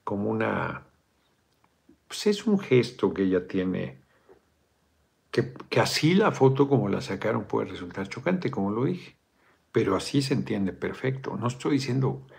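A middle-aged man with a Mexican accent holds forth in a casual video chat, his voice carrying a gravelly edge. He speaks bluntly, drops swear words without a second thought, and keeps wandering into digressions before coming back to his point. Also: fairly low pitch, animated, moderate pace, a little mellow. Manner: blunt, swears freely, digresses and corrects himself. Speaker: politician hosting a video chat. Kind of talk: casual political commentary.

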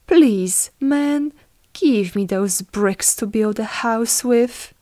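A woman's voice: fairly high pitch, slow, dark tone, dry recording, clean studio sound. A woman voicing a plucky little pig from a fairy tale, emphatic and singsong, both pleading and defiant. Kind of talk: storybook fairy tale character voice.

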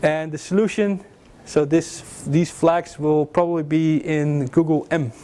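A young man's fairly high, mellow voice carries fairly even intonation at a measured pace as he gives a loose, joking security lecture with slides. He uses many fillers and restarts, and a far camera records him in a classroom with a projector screen.

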